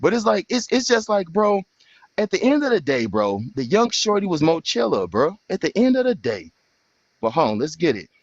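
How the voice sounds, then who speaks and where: A man's voice: sits high, huge pitch swings, normal speed. A young man hosting a livestream panel, talking casually and argumentatively, full of slang and "bro". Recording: dull lo-fi stream audio.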